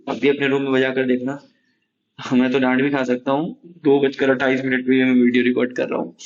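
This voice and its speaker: A man's voice: medium pitch, lo-fi sound, a little hiss or hum. Chatty man teaching exam prep. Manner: chatty, repeats "ठीक है?" to check in. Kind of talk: casual Hindi-English lecture. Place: room at home, AC running.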